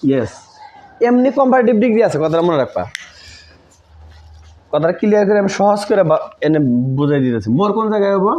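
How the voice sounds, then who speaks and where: A man's voice: sits high, very animated, fast talker, long pauses, darkish tone. A man teaching an English grammar lesson, repeating key words and checking that students follow. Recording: dull lo-fi recording.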